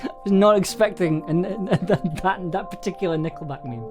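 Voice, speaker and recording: A streamer writes a story live and thinks aloud in a relaxed, playful, giggly way, talking a little fast at medium pitch. Background music and computer typing accompany the voice.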